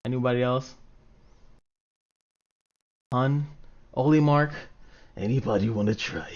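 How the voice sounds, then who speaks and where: An unhurried man with a medium-pitched voice hosts a livestream, rambling casually and swearing freely to chat viewers while acting out his reactions. The microphone sounds dull and lo-fi.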